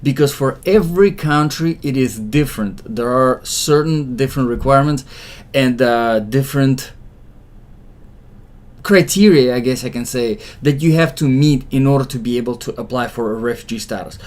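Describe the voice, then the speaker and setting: A man's voice: mid-range voice, moderate pace, darkish tone. Man giving reassuring immigration advice. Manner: explanatory, reassuring, with frequent fillers and restarts. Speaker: immigration consultant answering viewer questions. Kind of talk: casual livestream advice.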